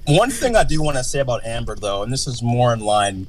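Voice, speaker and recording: A man's voice: mid-range voice, big pitch swings, fairly quick, a little hiss or hum, low-quality recording. A man co-hosting a casual podcast, talking emphatically and swearing a lot. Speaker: podcast co-host.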